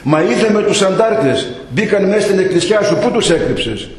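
A man doing rough, menacing soldiers. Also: sits high, lively intonation, heavy reverb, a crowd in the background, voice pushed up.

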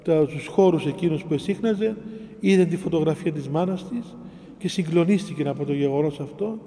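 A man preaching a sermon, reading scripture and explaining it phrase by phrase with repetition and pauses. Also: a little high, warm tone, long reverb tail. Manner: explains scripture line by line, repeating and pausing. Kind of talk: sermon on a psalm.

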